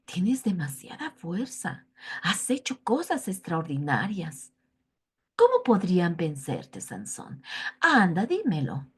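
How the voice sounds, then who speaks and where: A woman's voice: fairly low pitch, wildly swooping pitch, takes it slowly, husky, exaggerated voice. A Mexican Spanish woman voicing a coaxing, scheming young woman with a wheedling, sing-song plead in a children's Bible story.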